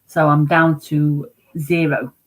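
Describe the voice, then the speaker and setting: A woman's voice: low voice, flat delivery, slow pace, rough recording. A woman hosting a casual morning livestream chat from home, rambling about her week and answering comments from her viewers. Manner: chatty, rambling, reads chat comments aloud. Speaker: livestream host.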